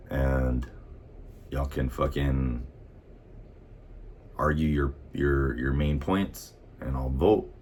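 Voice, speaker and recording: A man's voice: rumbling low, a little hiss or hum. An American man vlogging in a casual monologue, swearing often as he rambles heatedly. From United States.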